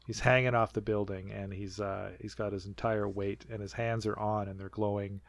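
Gravelly-voiced North American man chatting. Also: lowish voice, flat delivery, moderate pace, dry recording. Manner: rambling, many fillers and restarts, laughs often. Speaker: podcast co-host. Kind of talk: casual chat.

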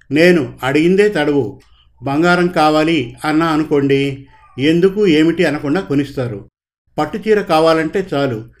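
An emotional, devoted wife pleads for her husband in a storybook reading, voiced by a man. The delivery is pleading, with a slightly raised pitch. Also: lightly acted. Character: emotional devoted wife, quarrelsome but loving.

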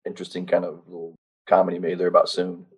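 Very deep, fast-talking man on a podcast. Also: monotone, slightly rough, low-quality recording. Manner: agreeable, loose, uses "kind of" a lot. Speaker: podcast panelist. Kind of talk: casual roundtable discussion.

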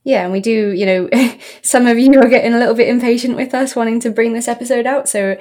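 A woman's voice: fairly high pitch, steady tone, fast talker, a little mellow. A woman co-hosting a casual podcast, chatty and full of fillers, her voice a little worn. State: losing her voice a bit. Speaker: podcast co-host.

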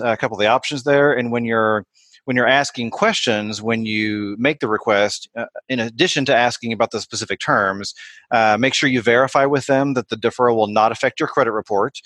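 A man co-hosting a podcast, explaining practical steps in a relaxed, conversational way with frequent fillers. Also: lowish voice, no room sound. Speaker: podcast co-host. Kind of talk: casual explanatory chat.

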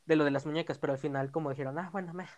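A woman's voice: deep voice, fairly even intonation, very fast, a little mellow. A woman with a Mexican accent chatting casually, hesitant, with many fillers. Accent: Mexican Spanish. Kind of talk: casual chat.

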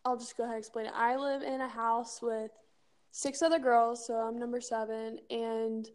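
Young female podcast co-host, highish voice, chatty slangy banter with lots of filler "like". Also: level tone, moderate pace, a little mellow, clear, resonant tone. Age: young adult. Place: kitchen at home.

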